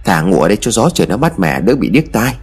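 A man voicing a grumpy, stubborn old village man in an audio story, speaking gruffly and dismissively. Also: on the low side, big pitch swings, quick pace, darkish tone. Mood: grumbling.

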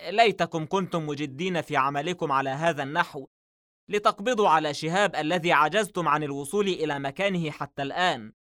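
A man's voice: brisk, sharp tone. A man doing a nervous, uneasy young man. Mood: anxious. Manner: tense and uneasy, raised pitch. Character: nervous, anxious young man under pressure.

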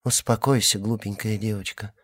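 A man voicing a gentle, saddened young woman who speaks softly and tenderly. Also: on the low side, steady tone, moderate pace, natural voice. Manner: soft, tender, hushed. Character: young woman, gentle, sad, calm comforter.

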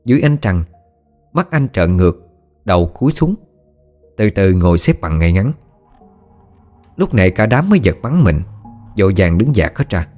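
A man's voice: low voice, very animated, moderate pace, pauses often, darkish tone, soft background music. A man narrating a ghost story in a folksy storytelling manner.

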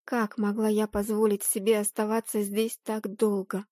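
A woman tells a first-person fantasy tale in an expressive, steady storytelling voice. Her pitch sits in the middle range. The recording is dry and close, with no room sound. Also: moderate pace, no room sound. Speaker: audiobook narrator.

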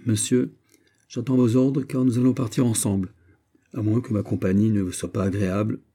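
A man's voice: fairly low pitch, little pitch movement, moderate pace, dark tone. A man voicing a loyal veteran musketeer captain in an audiobook, speaking in a respectful, soldierly way. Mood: earnest. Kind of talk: audiobook character reading.

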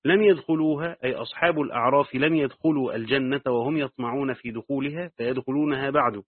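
A man with an Egyptian accent teaching Quran commentary. He reads the text aloud and then adds quick asides in colloquial dialect. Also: medium pitch, no room sound. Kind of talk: reading and explaining a tafsir text. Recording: dry, phone-like narrow sound.

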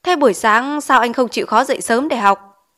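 A woman's voice: a little high, moderate pace, pushed and bright. A woman voicing a stern male village schoolteacher in an audiobook, scolding with pointed questions. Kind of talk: audiobook character reading.

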